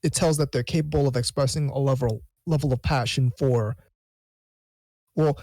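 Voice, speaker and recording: A man speaking as a podcast guest in casual chat, earnest and halting, restarting his phrases. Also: medium pitch, steady tone, mellow, dry recording.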